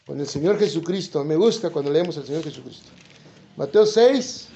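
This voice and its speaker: This Mexican-accented man's fairly high, warm voice is animated and moves at a normal speed as he teaches the Bible informally to a congregation, joking, chatting, and quizzing his listeners. Slight background noise runs under the echoey, slightly dull-sounding recording.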